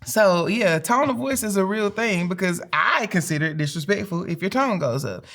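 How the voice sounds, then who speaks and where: Calm, teasing woman podcast co-host. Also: mid-range voice, normal speed. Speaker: relationship coach, co-host. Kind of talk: casual couples podcast chat.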